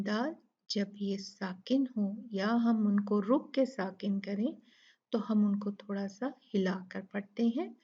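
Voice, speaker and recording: Patient woman recitation teacher with an Urdu-speaking accent, unhurried, stretches each example word, muffled recording. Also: mid-range voice, vocal fry, darkish tone, breathy edge. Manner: slow, patient explaining, drawn-out recitation of words. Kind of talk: tajweed lesson.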